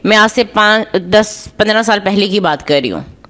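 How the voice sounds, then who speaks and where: A woman's voice: medium pitch, animated, normal speed, a bit bright. A woman from Pakistan, arguing heatedly on a live stream, needling the other speaker and talking over her.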